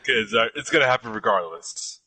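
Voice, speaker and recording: A man chatting casually as he co-streams a game, with a raspy voice. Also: medium pitch, expressive, fairly quick, sharp tone, dry recording, rough recording. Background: music.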